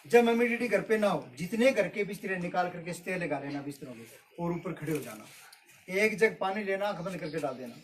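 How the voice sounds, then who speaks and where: A man's voice: sits high, expressive, fairly quick. A man working as a kids party magician, playfully teasing children and asking them questions as he patters through a live show. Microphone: far from the mouth. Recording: distant mic, noisy with clicks and birds.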